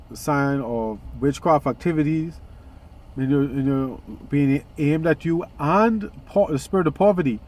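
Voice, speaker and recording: A man's voice: a little high, a little mellow. A man hosting a casual spiritual vlog, talking in a rambling way with many restarts and occasional yawns. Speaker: vlog host.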